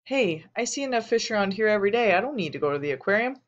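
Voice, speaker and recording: A woman's voice: mid-range voice, expressive, very fast, muffled recording, voice pushed up, lightly acted. A woman reading the lines of a guilt-ridden teenage boy in an audiobook, speaking plainly and hesitantly. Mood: gentle.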